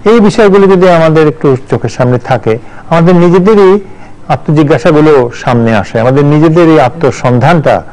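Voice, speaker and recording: A man's voice: fairly high pitch, a little fast, a little mellow, poor audio. A man in his sixties, a journalist and university teacher, giving thoughtful studio commentary with many restarts and fillers. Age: 60s.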